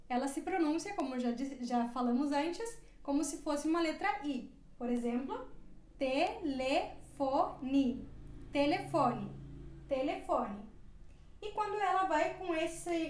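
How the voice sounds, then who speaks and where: A woman's voice: high-pitched, reverberant. A woman teaching a language lesson, carefully pronouncing each example word and repeating it. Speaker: Portuguese teacher.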